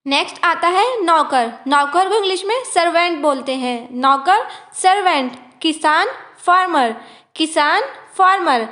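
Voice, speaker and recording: A woman, teaching vocabulary and repeating each word pair slowly and clearly. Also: very high-pitched, bright, forceful tone. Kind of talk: slow, deliberate word-by-word vocabulary lesson.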